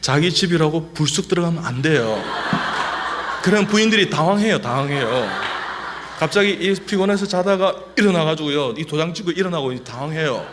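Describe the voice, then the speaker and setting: A middle-aged man, a doctor, delivers a humorous church testimony in a slightly high voice, talking a little fast with few pauses. Lively and joking, he leads the congregation in repeating phrases, with background noise audible.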